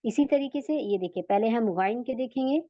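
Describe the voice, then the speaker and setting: A woman with a slightly high voice leads a recitation lesson. She explains how each sound is made and says it over and over, patiently and slowly. The recording is dull and dry. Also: warm tone, no echo. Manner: patient, repeats sounds slowly for learners to follow. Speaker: Quran recitation teacher. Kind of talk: tajweed lesson.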